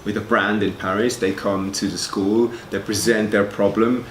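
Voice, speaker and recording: A man's voice: fairly low pitch, steady tone, moderate pace. A man in his forties from Switzerland, a fashion school's director of education, answering interview questions hesitantly and often repeating words. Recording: echoey room, faint noise.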